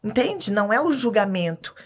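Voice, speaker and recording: A woman's voice: medium pitch, sing-song, normal speed, slightly rough. A Brazilian woman talking as a podcast guest, emphatic and candid, often checking that the listener follows. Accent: Brazilian Portuguese. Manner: emphatic, keeps asking "entende?".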